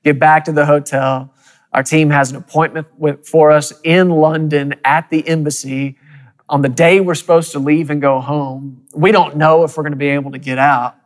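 A man preaching, telling a personal story in an animated way, with quick bursts and soft, quiet asides. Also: a little high, in a large hall. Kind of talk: storytelling sermon.

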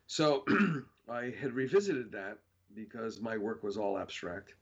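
Husky low-voiced man, rambling. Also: animated, a little slow, lo-fi sound. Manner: rambling, full of fillers and restarts. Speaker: painter being interviewed. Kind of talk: casual interview chat.

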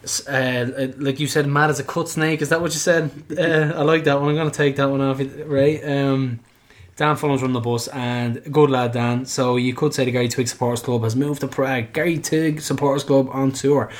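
A man's voice: mid-range voice, fairly even intonation, a little fast. An Irish man hosting a football fan podcast in a casual, chatty, joking and colloquial way. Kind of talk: casual chat.

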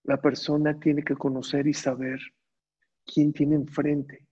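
A man's voice: on the high side, level tone, slow, mellow, breathy edge. A man giving a religious lecture, asking his audience rhetorical questions and repeating phrases for emphasis. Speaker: Torah teacher. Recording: dull, slightly muffled recording.

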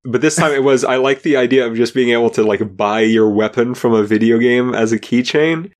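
A man of ordinary pitch co-hosts a podcast in casual chat. He drops dry, joking asides and hesitates with frequent fillers. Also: brisk. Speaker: podcast co-host.

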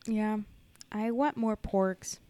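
A woman co-hosting a casual podcast, chatting with sarcastic, animated energy. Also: medium pitch, slow pace. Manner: sarcastic, animated, slips into a hyped announcer voice when reading. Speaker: podcast co-host. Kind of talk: casual chat. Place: home podcast setup.

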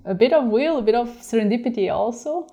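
A woman talks through her answers as an interview guest, thoughtful and hesitant, often restarting her sentences. Her voice is dark and mellow with a gravelly fry at the ends of her phrases. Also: fairly high pitch, lively intonation, fast. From Portugal. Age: 30s. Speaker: guest researcher.

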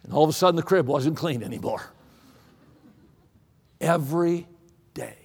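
Guy preaching, pretty high voice, folksy n emphatic, repeats himself, big echoey church hall sound. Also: animated, moderate pace, gravelly, darkish tone, husky. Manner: emphatic, repetitive, folksy storytelling. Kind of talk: sermon with dramatic pauses and repetition. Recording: echoing large hall reverb.

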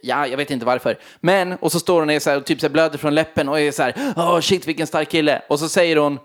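A man talking casually with a friend, easygoing as he retells film scenes. His voice sits a touch high. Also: steady tone. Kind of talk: casual chat.

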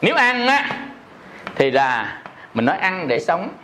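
Male monk, high-pitched, jokey preacher who checks in with his audience, faint background noise. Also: sing-song, measured pace, pushed and bright. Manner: jokey, laughs often, peppers talk with rhetorical questions. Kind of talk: sermon.

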